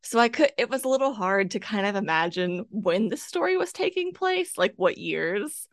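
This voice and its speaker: A woman's voice: medium pitch, sing-song, normal speed, no echo. Chatty woman with a dry close sound. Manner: chatty, lots of "like" and "kinda". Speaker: podcast co-host. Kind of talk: casual book club chat. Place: home, with her cat nearby.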